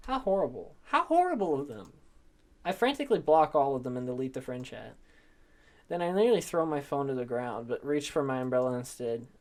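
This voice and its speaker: A woman reading a visual novel aloud as the narrator, with expressive, playful asides between the lines. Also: rumbling low, fairly quick. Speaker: let's play host. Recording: music playing behind.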